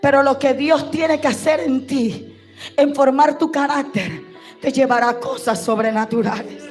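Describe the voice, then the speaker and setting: A woman preacher giving a sermon testimony, moving between hushed storytelling and shouted, impassioned preaching. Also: high voice, measured pace, soft background music.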